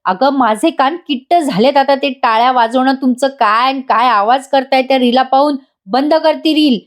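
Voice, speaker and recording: A woman voicing a sharp-tongued older aunt from a TV serial who scolds the household. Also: sits high, moderate pace, natural voice. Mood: scolding. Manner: scolding, harsh.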